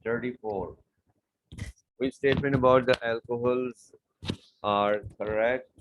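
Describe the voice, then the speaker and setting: A man's voice: mid-range voice, fairly even intonation, takes it slowly, muffled recording, background noise. A man tutoring chemistry, walking through exam questions step by step and repeating key words. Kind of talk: exam paper walkthrough lesson.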